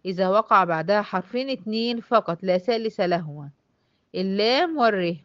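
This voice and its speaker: A woman's voice: mid-range voice, lively intonation, fairly quick, no room sound. Egyptian woman, tajweed teacher, patient step-by-step explainer, dull dry recording. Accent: Egyptian Arabic. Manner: explains step by step, asks and answers her own questions, drawls out example words. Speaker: Quran recitation teacher. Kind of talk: classroom tajweed lesson.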